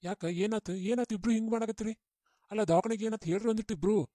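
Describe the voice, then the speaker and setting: A woman voicing a middle-aged mother in a cartoon, steady and coaxing, with a North Karnataka Kannada accent. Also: medium pitch, fast talker, no echo, studio quality, close to an everyday voice. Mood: questioning. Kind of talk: cartoon voice acting.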